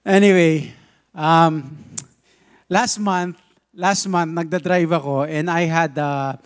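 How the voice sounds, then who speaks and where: A pastor with a Filipino accent preaching a sermon, telling a lively story and switching between Tagalog and English. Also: on the high side, slow pace, smooth.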